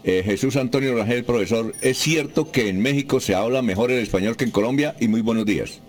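A man's voice: mid-range voice, fairly quick, darkish tone. A man hosting a radio call-in show, reading out listener questions with hesitant fillers. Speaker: radio host.

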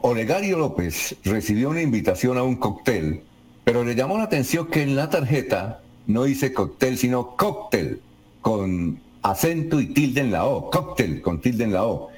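A man's voice: medium pitch, big pitch swings, normal speed, darkish tone. A man hosting a morning radio show who gives the time and reads out listener questions. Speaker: radio host.

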